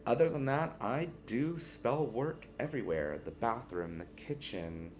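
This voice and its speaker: A tired man answering tag questions in a relaxed, rambling casual chat at home, yawning now and then. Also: medium pitch, unhurried, soft background music. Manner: relaxed, rambling, with fillers and restarts. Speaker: witchcraft vlogger answering a tag. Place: one-bedroom apartment.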